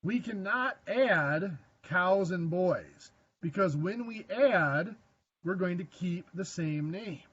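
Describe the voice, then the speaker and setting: A man's voice: sits high, lively intonation, takes it slowly, fairly bright tone, slightly rough, muffled recording. A man teaching a math lesson to a class, quizzing students and making dry, self-deprecating jokes. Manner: asks the class questions. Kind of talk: classroom lecture.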